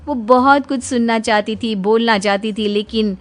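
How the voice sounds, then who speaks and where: A woman narrating an audio story in a lively, expressive way. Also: fairly high pitch, normal speed.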